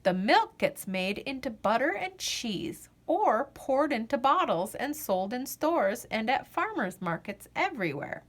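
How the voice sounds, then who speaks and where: A woman storyteller reads a children's picture book aloud at an unhurried pace in expressive narration. Her slightly bright voice is on the high side and moves freely up and down, and she phrases each line deliberately while stretching out the refrains.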